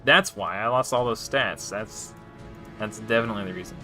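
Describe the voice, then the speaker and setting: A man's voice: lowish voice, normal speed, sharp tone, faint music behind. A man streaming live and casually commenting on his gameplay, rambling with frequent restarts and self-corrections. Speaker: game streamer.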